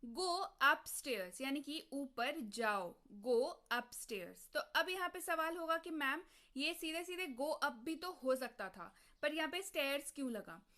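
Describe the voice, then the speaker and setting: A young woman teaching everyday English phrases in Hindi, saying each phrase slowly and twice, and asking the viewer questions before she answers them. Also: high-pitched, lively intonation, bright, forceful tone. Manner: slow, clearly drilled phrases repeated twice. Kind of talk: spoken English lesson in Hindi.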